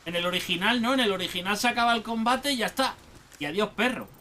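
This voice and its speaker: A young man with a Spain Spanish accent chatters through let's play commentary, bursting into exclamations as he talks to himself. His voice sits high and swings widely in pitch, with a bright, sharp tone. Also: expressive, quick pace, slight background noise. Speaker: gaming YouTuber.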